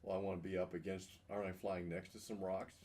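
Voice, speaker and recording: Deep-voiced man at a game table. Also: little pitch movement, fast, darkish tone. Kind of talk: casual game-table chat.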